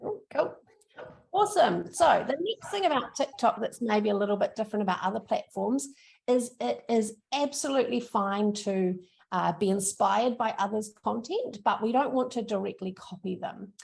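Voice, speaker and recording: A middle-aged woman with a thick Kiwi accent, presenting an informal online lesson. Her voice sits at a medium pitch with heavy vocal fry. She talks in a chatty, encouraging way, as a trainer guiding learners. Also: animated, normal speed, a little mellow. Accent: broad New Zealand (Kiwi). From New Zealand. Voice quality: creaky. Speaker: social media trainer.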